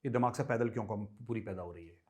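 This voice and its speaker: A man's voice: fairly low pitch, fast, darkish tone. A middle-aged man from India hosting a political commentary show, talking emphatically and with scorn, full of rhetorical questions. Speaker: host.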